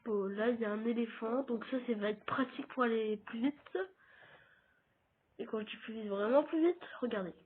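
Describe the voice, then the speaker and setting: A man's voice: extremely high pitch, fairly even intonation, moderate pace, a little hiss or hum. A man with a French accent giving casual let's-play commentary, chatting straight to his viewers as he plays. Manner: chatty, talks straight to viewers while playing. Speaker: gaming YouTuber. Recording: tinny phone-like audio.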